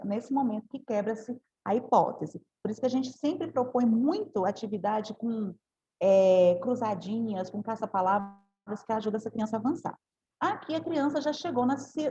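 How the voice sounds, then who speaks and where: A woman's voice: on the high side, darkish tone, lo-fi sound. A woman giving a teacher training talk, explaining step by step and often adding tag questions.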